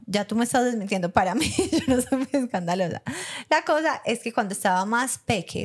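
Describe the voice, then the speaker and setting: A young Colombian woman co-hosting a podcast, telling a story with lots of laughter and acted-out lines. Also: medium pitch. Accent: Colombian Spanish. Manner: animated, laughs often, acts out her own past lines. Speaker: podcast co-host. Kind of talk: casual storytelling chat.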